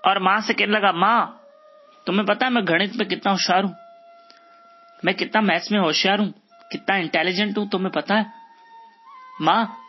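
A man's voice: high-pitched, husky, lo-fi sound. A man telling a devotional moral story as a religious storyteller, earnest and preachy, full of rhetorical questions, sounding weak after illness.

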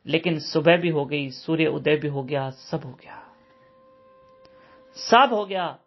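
A man telling a devotional story in an animated way, acting out the dialogue as he goes. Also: a little high, slow pace. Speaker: spiritual storyteller. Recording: dull lo-fi recording with faint music.

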